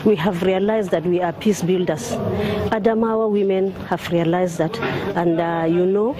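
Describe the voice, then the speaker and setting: A woman with a Nigerian accent giving spontaneous interview remarks, halting and rephrasing as she goes. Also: lowish voice, steady tone, background noise. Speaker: event participant. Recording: busy crowd behind.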